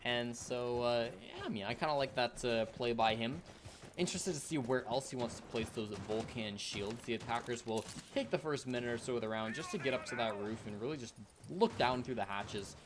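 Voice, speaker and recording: A male esports caster gives play-by-play commentary at a rapid pace. His voice sits at a medium pitch, following the action as it unfolds. There is clear noise on the recording, along with clicking. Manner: esports caster delivery, running account of the action.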